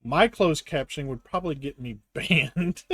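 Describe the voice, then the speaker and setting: A man's voice: on the high side, moderate pace, a bit bright, dry recording. A man with a Southern US accent, chatting casually and self-deprecatingly while building a brick set on a live stream. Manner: rambling, self-deprecating, wry.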